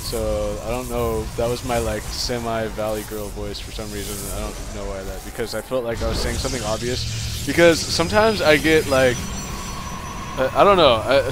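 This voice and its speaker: A man's voice: mid-range voice, a little hiss or hum. Rambling young male game caster. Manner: rambling, filler-heavy, says "like" a lot. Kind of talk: casual play-by-play commentary.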